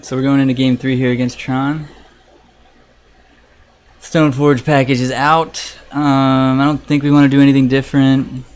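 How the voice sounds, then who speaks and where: A man's voice: medium pitch, level tone, moderate pace, a little mellow, clear, resonant tone. A man casually commentating live on a card game as he plays, thinking aloud in a conversational way, with a fan running. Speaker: streamer playing an online card game. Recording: electric fan noise in the background. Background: electric fan running.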